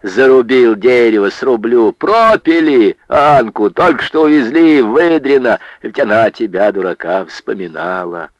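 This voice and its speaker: A man voicing a gruff, kindly peasant father who is tipsy from a wedding. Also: medium pitch, animated, a little slow, few pauses, no room sound, muffled recording, natural voice. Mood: scolding.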